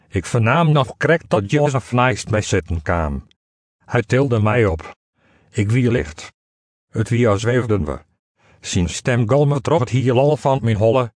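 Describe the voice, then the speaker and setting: A man reads a first-person story aloud. His delivery is calm and measured, and his voice sits in a middle pitch range. The recording is close and dry, with no room echo. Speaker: narrator.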